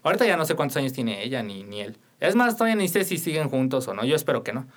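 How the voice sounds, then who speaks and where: A man's voice: mid-range voice, very animated, very fast. A young man with a Mexican accent, co-hosting a casual podcast chat and telling a rambling story full of fillers. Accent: Mexican Spanish. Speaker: radio podcast co-host.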